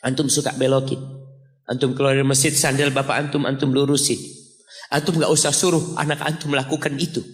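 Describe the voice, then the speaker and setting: A man preaching a sermon, telling a story and climbing to high, emphatic passages. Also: flat delivery, a little fast. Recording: long hall reverb.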